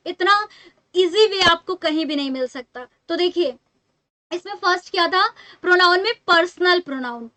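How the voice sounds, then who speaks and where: A woman's voice: very high-pitched, sharp tone, no echo. A young woman with an Indian accent teaching an English grammar class online, explaining step by step and answering her own questions.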